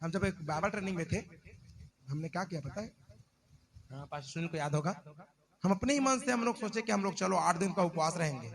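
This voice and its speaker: A pastor preaching a sermon, dramatic, sometimes shouting warnings and calling out hallelujah. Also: male voice, high voice, a little fast, gravelly, pauses often.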